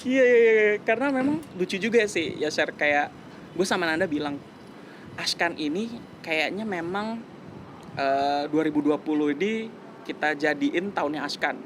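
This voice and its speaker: A man's voice: fairly high pitch, animated, normal speed, fairly bright tone, slight background noise. A man in his twenties, a musician guest, talking earnestly and reflectively in a casual interview, slipping in English phrases. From West Java, Indonesia. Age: 20s.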